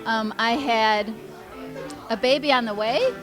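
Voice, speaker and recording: Female speaker at a live memorial event, slow rambling memories, audience and music audible. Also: fairly high pitch, crowd noise. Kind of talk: reminiscing tribute speech.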